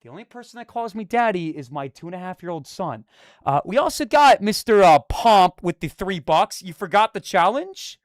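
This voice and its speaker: A young man live streaming and chatting with his viewers, jumping between loud hype and a low, mock-menacing mutter. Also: expressive, moderate pace, no echo, clean studio sound.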